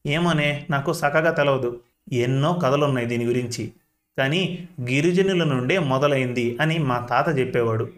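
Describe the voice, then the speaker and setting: A man voicing a caring, plain-spoken laborer husband who explains things gently. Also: medium pitch, moderate pace, natural voice. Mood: gentle.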